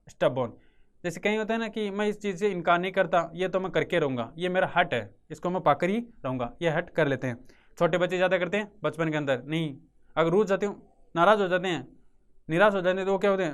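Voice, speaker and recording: Rajasthani-accented guy teaching english vocab, fairly high voice, keeps repeating words and asking himself questions. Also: clean tone. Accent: Rajasthani Hindi. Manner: repeats words, asks and answers his own questions. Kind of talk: vocabulary class for exam prep.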